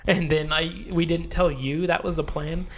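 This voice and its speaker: Young male co-host, easygoing, slightly high voice, rambling fillers. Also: steady tone, normal speed. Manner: laid-back, lots of "like" fillers, laughs while talking. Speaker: podcast co-host. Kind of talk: casual storytelling chat.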